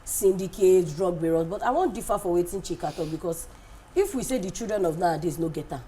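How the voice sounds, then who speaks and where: A woman's voice: lowish voice, fast talker, dark tone, poor audio. A Nigerian woman speaking as a radio panellist, debating in a mix of Pidgin and English. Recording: clear background noise.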